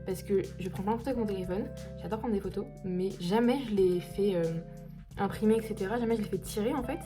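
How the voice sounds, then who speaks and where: A young woman from France chatting casually to camera in a personal vlog, excited and full of fillers. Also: mid-range voice, fast, music in the background. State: just woken up, tired. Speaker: vlogger.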